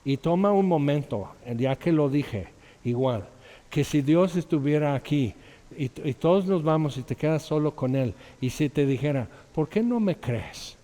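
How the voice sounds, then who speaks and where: A man's voice: on the high side, normal speed, mellow. A man preaching a sermon as pastor, talking conversationally, reading scripture aloud and acting out quotes. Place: church hall. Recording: long echoing reverb of a hall.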